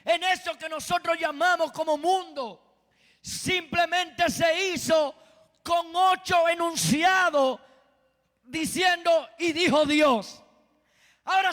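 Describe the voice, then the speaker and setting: A man preaching a sermon from a pulpit microphone in church, emphatic and often breaking into shouts. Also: extremely high pitch, big-room sound.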